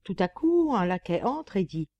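A woman's voice: medium pitch, big pitch swings, normal speed, warm tone, no room sound, muffled recording. Woman reading as a gossipy pampered lapdog. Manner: chatty, confiding, mocking. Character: gossipy pampered female lapdog writing letters. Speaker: audiobook reader. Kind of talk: audiobook narration.

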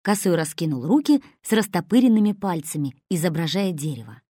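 A woman narrating a story, reading aloud in a lively, expressive way. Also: on the low side, brisk, dry recording, clean studio sound.

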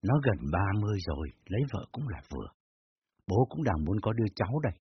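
A man voicing a calm, even-tempered older father in an audiobook, speaking in a measured way. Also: fairly low pitch, a little hiss or hum. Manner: measured, reasoning. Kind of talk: dramatized audiobook reading. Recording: dull lo-fi with faint music.

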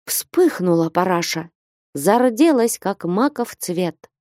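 Low-voiced woman narrating a novel. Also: no echo, clean studio sound. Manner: expressive, measured reading. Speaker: audiobook narrator. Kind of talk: scripted literary narration.

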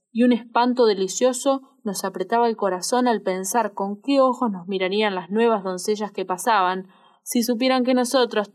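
A woman with a Rioplatense accent narrating a literary audiobook in a measured, expressive reading. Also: a little high. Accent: Rioplatense Spanish. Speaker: audiobook reader.

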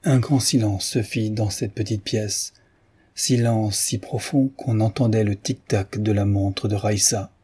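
A man reads a novel aloud in a measured narrative style. His voice is low, dark and husky. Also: steady tone. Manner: measured literary reading. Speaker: audiobook narrator. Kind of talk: scripted narration.

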